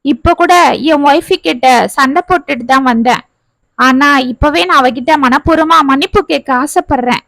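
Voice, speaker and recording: A woman voices a young married man in a spoken family story. He sounds earnest and remorseful, reflecting on how he treated his wife. The voice sits high and the recording is close and dry. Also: normal speed, fairly bright tone, no echo. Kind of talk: storytelling narration.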